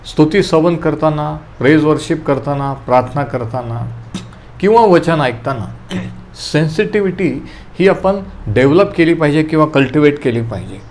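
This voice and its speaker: A man leading a Bible study, teaching calmly and telling listeners to underline verses, with English terms mixed in. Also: fairly high pitch, normal speed. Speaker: preacher.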